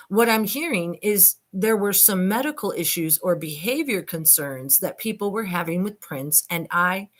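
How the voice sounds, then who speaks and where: Here a woman host of online commentary reads a transcript out loud, adding informal, skeptical asides aimed directly at listeners. Her voice sits fairly low and has a bit of brightness.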